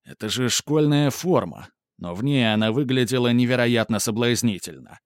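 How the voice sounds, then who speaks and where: A calm man with a mid-range voice narrates a novel in the first person at a normal speed, reading from a script as an audiobook narrator. The recording is dry with clean studio sound.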